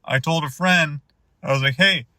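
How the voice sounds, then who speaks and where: Man for a rambling comic bit: bright, fairly high voice, exasperated and self-interrupting. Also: animated, normal speed, no echo. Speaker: comedian. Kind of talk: rambling stand-up style monologue.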